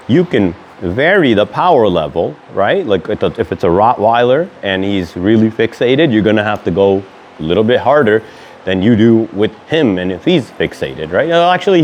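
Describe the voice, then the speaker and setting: Low-voiced man with a missing-teeth lisp. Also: darkish tone, slight background noise. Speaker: dog trainer. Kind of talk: casual instructional talk to clients.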